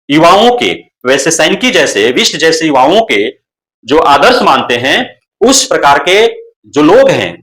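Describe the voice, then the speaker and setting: A man's voice: fairly high pitch, a bit bright. A man giving an impassioned political monologue, lecturing with pointed rhetorical questions. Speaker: political commentator. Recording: echoey room.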